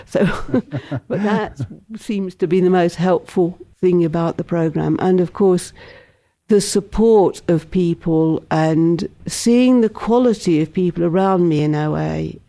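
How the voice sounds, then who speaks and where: Mellow-voiced Englishwoman, reflective and candid. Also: fairly low pitch, unhurried. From England. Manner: thoughtful and candid, with frequent soft laughs. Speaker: interviewee, program member. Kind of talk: reflective personal testimony.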